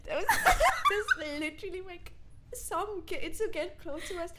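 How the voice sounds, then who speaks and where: A young woman co-hosting a casual podcast, animated and talking straight to her listeners. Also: extremely high pitch, a little slow, slight background noise. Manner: animated, addresses listeners directly. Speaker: podcast co-host.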